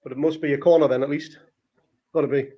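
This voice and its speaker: A man's voice: on the high side, steady tone, quick pace, dark tone. A man hosting a live football watchalong, giving casual, partisan commentary on play as it happens, with exclamations. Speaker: football watchalong podcast host.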